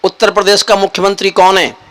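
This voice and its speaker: A man's voice: high-pitched, level tone, fast, a bit bright. A man voicing an angry, pompous male school inspector who scolds in an indignant way.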